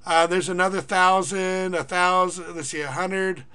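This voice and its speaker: High, bright-voiced man rambling a sales pitch. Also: fairly even intonation, smooth. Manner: rambling, filler-heavy, reads figures off in a quick list. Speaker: online income marketer and teacher. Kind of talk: casual screen-recorded pitch.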